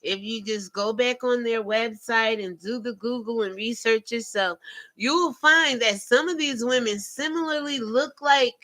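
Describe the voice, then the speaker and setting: A woman's voice: fairly high pitch, unhurried, a bit bright. A woman hosting a live call-in show, giving informal, emphatic commentary and speaking directly to her listeners.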